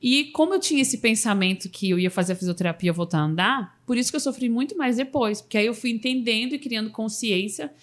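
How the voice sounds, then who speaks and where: In a relaxed podcast interview, a motivational speaker recounts something personal, her fairly high voice moving quickly with few breaks. The storytelling is emotional, full of restarts and fillers such as "sabe assim."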